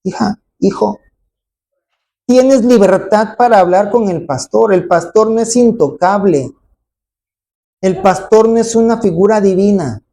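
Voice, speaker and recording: A preacher delivers an emphatic sermon to a church congregation, frequently adding rhetorical tag questions and acting out quoted voices. The voice is medium-pitched, warm and unhurried.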